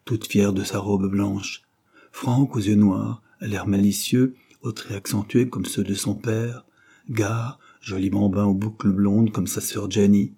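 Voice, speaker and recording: Male audiobook reader, steady and measured, deep dark husky voice. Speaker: audiobook narrator. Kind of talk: scripted narration.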